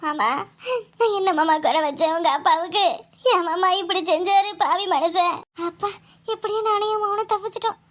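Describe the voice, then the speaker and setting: A woman voicing a scheming village daughter-in-law in a cartoon, sobbing and lamenting loudly in a southern Tamil village dialect. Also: very high-pitched, normal speed. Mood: fretful scheming. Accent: southern Tamil Nadu village dialect. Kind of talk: cartoon voice acting.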